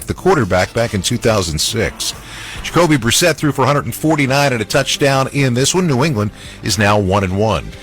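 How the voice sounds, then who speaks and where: A man hosting a sports radio highlight show, narrating recaps emphatically. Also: fairly bright tone. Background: music bed.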